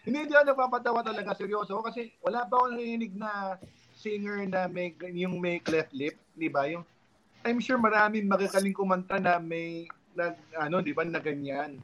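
A man with a high voice chats in a podcast, telling stories in an animated way and hurrying when he presses a point. The recording is dull and lo-fi. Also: brisk. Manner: animated storyteller, speeds up when insisting. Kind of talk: casual chat. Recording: dull lo-fi sound.

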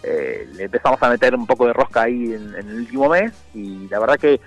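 A man, a murga member chatting as a guest, relaxed and rambling with many fillers and restarts. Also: mid-range voice, brisk, highs cut off, soft background music. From Argentina. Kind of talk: casual phone interview.

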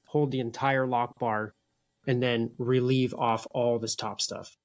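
A man's voice: medium pitch, level tone, a little slow, dry recording. A man in casual shop talk, a machinist thinking aloud as he works through his plan. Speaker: machinist making folding knives.

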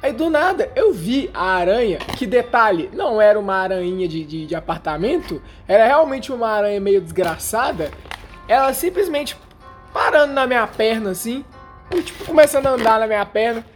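A man's voice: high-pitched, big pitch swings, normal speed, soft background music. A young man, telling a story in casual slang, laughing now and then. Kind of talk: casual chat.

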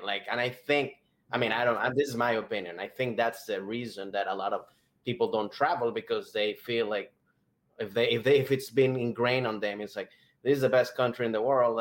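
A man's voice: fairly low pitch, fairly even intonation, fairly quick. A man from Venezuela, a podcast co-host who rambles casually and keeps saying "I mean".

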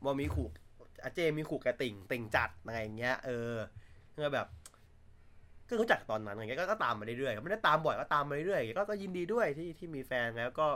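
A man's voice: medium pitch, expressive, a little fast, bright, forceful tone. A man chatting casually on a livestream, blunt and crude, joking, with many filler sounds. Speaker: streamer.

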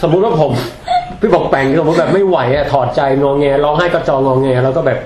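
A man co-hosting a casual podcast chat, joking and telling animated stories. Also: fairly high pitch, fast, slight background noise. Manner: jokey, animated storytelling. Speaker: podcast co-host. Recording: echoey room.

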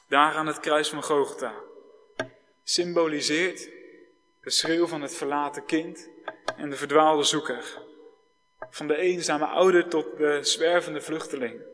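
Guy preaching slow and solemn, slightly high voice, long church-hall reverb. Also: a bit bright. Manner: slow, solemn preaching with long pauses, switching between formal and informal address. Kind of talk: sermon.

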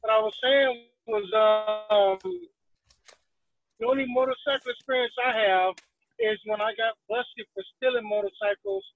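A man's voice: extremely high pitch, animated, moderate pace, vocal fry. A man chatting casually in a joking, self-mocking way over a bad call connection that keeps cutting out. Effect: bad call connection that cuts out. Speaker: podcast co-host calling in. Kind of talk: casual chat. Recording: muffled remote call line.

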